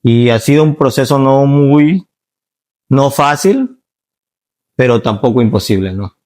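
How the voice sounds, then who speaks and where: A man in his thirties from Ecuador, a nurse, answering interview questions in a calm, measured way and often ending with "¿no?". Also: mid-range voice. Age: 30s. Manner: calm, measured, frequent "¿no?" tags.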